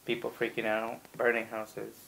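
A man in his thirties from Ecuador, a tattoo artist talking as a guest in a casual interview, telling animated, rambling stories with plenty of profanity. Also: lowish voice, normal speed, vocal fry, crowd noise.

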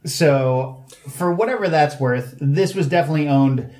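A man's voice: on the high side, normal speed, a little mellow. A man co-hosting and editing a podcast, rambling and joking in casual chat. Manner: rambling, joking, self-correcting. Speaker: podcast co-host and editor.

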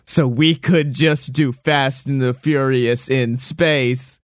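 Slow-talking, jokey man on a podcast. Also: medium pitch, fairly even intonation, no echo, clean studio sound. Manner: laughs often, jokey storytelling. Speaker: podcast co-host. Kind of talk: comedic improv chat.

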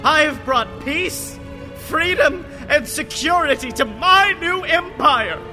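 A man voicing a power-hungry male villain who rants in a shrill, furious voice. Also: lively intonation, slow pace, over music, heavily acted. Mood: grandiose.

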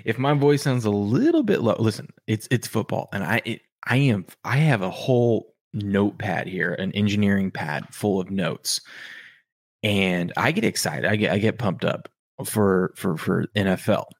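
A man hosting a casual sports betting podcast, speaking quietly but clearly, as if holding back his excitement. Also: fairly low pitch, normal speed, dry recording, studio quality. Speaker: podcast host. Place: bare home room with hardwood floors.

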